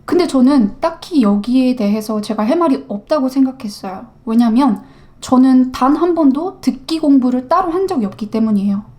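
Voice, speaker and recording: A woman teaching English listening in a relaxed, chatty way. Her voice sits a little high. She addresses the viewer directly and now and then imitates how English phrases sound. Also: background noise. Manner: talks straight to viewers, mimics English pronunciations to contrast them. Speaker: English-learning YouTuber. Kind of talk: casual explanatory lesson.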